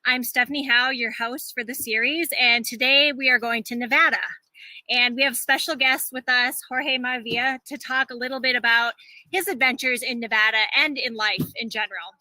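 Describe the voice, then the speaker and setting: A woman hosts an interview, asking friendly, measured questions. Her voice is very bright and a little high. The sound is dry and close, with no room echo. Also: steady tone. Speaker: host. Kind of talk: podcast interview hosting.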